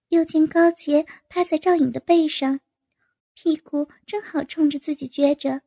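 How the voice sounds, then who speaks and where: A woman narrating an erotic audio story in a steady storytelling manner. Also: high-pitched, gravelly.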